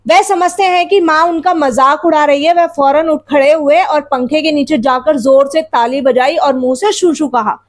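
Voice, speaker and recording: A woman teacher with a high voice guides her students through a textbook story at normal speed with hardly any pauses. She repeatedly explains word meanings, keeps asking rhetorical questions and often speaks directly to the children.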